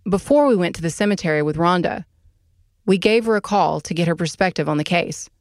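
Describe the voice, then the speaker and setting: A woman host reading scripted true-crime narration in a calm, measured way. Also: on the low side, no echo, studio quality. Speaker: podcast host, private investigator.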